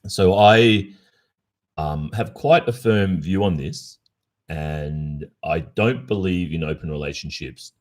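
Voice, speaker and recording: An Australian man who makes ASMR roleplay content hosts a casual livestream Q&A, chatting informally and reflectively in a low, slow voice.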